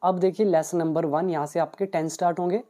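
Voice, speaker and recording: A man's voice: a little high, steady tone, brisk, warm tone. A man who teaches English, explaining a book page by page and reading out paired Hindi and English examples. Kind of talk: book walkthrough lesson.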